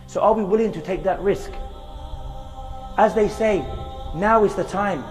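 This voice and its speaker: A man's voice: sits high, unhurried, big-room sound, faint music behind. A man giving an earnest religious reminder outdoors in a graveyard, repeating phrases for emphasis and reciting verses. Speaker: Islamic preacher.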